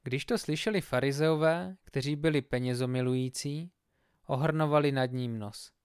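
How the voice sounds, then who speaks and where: A man reads scripture aloud with measured, solemn pacing. His voice is smooth and resonant, at a middle pitch. The recording is close and dry, with no room sound. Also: no echo. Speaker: Bible reader.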